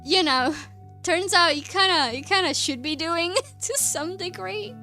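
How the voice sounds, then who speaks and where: An expressive young Czech woman with an extremely high, bright, forceful voice chats at a measured pace while she draws on stream. Czech is her first language; she rambles, laughs frequently and gropes for words. Faint music sits in the background.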